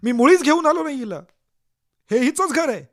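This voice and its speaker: A man voicing a panicked, wrongly accused man who shouts his innocence in an audio story. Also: very high voice, expressive, a little fast, voice pushed up. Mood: frantic shouting. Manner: shouting desperately.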